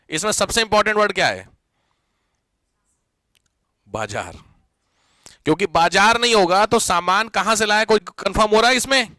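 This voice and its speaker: A male Hindi teacher lectures his class with a high, bright voice, working through example sentences step by step. He keeps asking whether everyone has followed and drops English words into his Hindi. The sound is dry and close. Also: no echo. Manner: keeps checking if students understood, repeats examples slowly.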